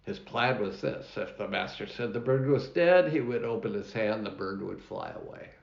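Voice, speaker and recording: A man who is a minister, preaching a sermon in a church, telling a story in a measured way with dramatic pauses, with a New Zealand accent. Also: on the low side, wildly swooping pitch, gravelly. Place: church hall. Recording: roomy, dull church recording.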